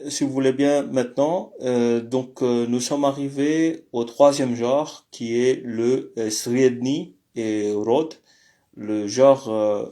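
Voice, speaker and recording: A man teaching a language lesson in a hesitant way, with many fillers and slow, careful pronunciation drills. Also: mid-range voice, dark tone.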